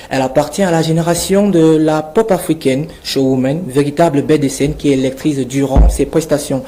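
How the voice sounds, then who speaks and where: A man with a Cameroonian accent, a radio columnist, theatrically declaims a scripted portrait of a guest. He speaks in a warm, slightly high voice.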